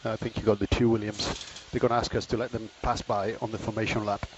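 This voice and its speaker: A man's voice: lowish voice, little pitch movement, quick pace. A man working as a race engineer, giving terse spotter-style calls to a driver over team radio, repeating key instructions. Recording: noisy team radio with vehicle noise.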